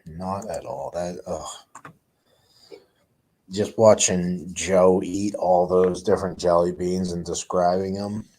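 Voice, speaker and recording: A man's voice: low voice, little pitch movement, takes it slowly, long pauses, warm tone. A man hosting a casual live chat, telling rambling stories with lots of groans and fillers.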